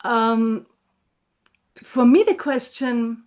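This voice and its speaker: A woman's voice: fairly high pitch, animated, drawn-out words. A woman with an Austrian German accent co-hosting a casual talk, curious and engaged. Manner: warm, inquisitive interviewer, laughs easily. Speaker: co-host. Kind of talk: casual conversation.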